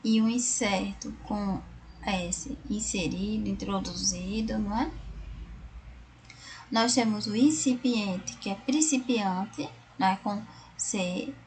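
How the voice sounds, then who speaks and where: A woman's voice: mid-range voice, slow pace, a little mellow, a little hiss or hum. A Brazilian woman teaching a recorded class, explaining word by word and often checking in with tag questions. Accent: Brazilian Portuguese.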